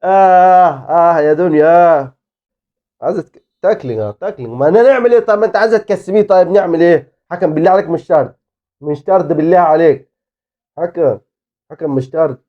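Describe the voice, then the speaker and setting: Excitable Egyptian gamer man. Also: on the high side, very fast, dull audio. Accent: Egyptian Arabic. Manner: excitable, exclaiming and pleading at the game. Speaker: gaming YouTuber. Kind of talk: live gameplay commentary.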